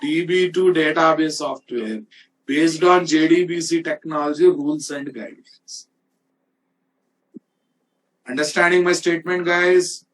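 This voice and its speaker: A man's voice: a little high, a little slow, long pauses, a bit bright. A man with an Indian accent teaching programming in an informal, emphatic, repetitive way, often checking with students. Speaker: programming instructor. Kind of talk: informal screen-shared software lecture. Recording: distant-sounding microphone.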